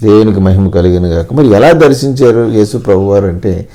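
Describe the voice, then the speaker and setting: A man's voice: on the low side, expressive, fairly quick, mellow. A man telling his personal testimony, in an earnest, dramatic storytelling manner that quotes family members and scripture. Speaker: testimony speaker.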